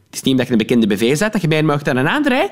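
A man's voice: on the high side, wildly swooping pitch, rapid-fire, pitched above the performer's own voice. A man voicing a snobbish, sneering middle-aged woman with a Flemish accent. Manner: sneering, snide, nasal.

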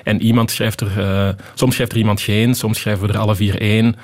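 A man's voice: fairly low pitch, little pitch movement, a little fast. A man in his thirties with a Flemish accent, a screenwriter answering interview questions, hesitant and full of ehm fillers. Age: 30s. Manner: hesitant, many ehm fillers, thinking aloud. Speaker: TV screenwriter guest. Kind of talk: radio interview, casual answers.

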